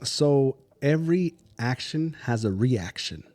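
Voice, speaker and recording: Here a man's warm, medium-pitched voice moves slowly and expressively. As a podcast guest in a casual conversation, he shares stories and imitates other people's lines with frequent laughter, then explains concepts one step at a time, often saying "right?"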